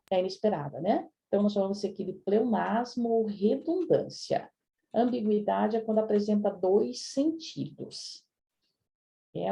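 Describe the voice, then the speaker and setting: A Portuguese language teacher with a warm, mid-range voice and vocal fry hosts a live online grammar review. She's chatty, speaks straight to her students and keeps checking in with a frequent "né?".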